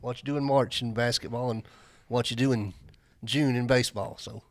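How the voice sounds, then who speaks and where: A man's voice: mid-range voice, steady tone, fairly quick. A man co-hosting a live sports podcast, telling fan stories in a chatty, chuckling way. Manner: storytelling, chuckling. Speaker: podcast co-host. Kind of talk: casual sports chat.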